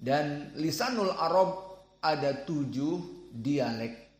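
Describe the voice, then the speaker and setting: A man giving a religious lesson, speaking slowly and deliberately and sounding out Arabic syllables. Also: on the high side, lively intonation, darkish tone, roomy sound. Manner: slow, deliberate, demonstrates Arabic sounds aloud. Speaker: Quran recitation teacher.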